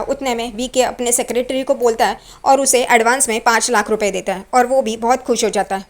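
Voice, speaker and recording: A woman narrating a recap of a TV serial episode in plain running narration. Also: on the high side.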